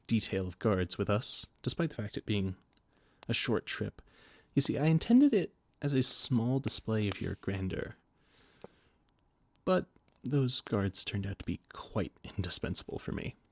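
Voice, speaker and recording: A man with vocal fry and a voice on the low side performs a scripted roleplay monologue, portraying a royal adviser who is formal, flustered and prone to stammering.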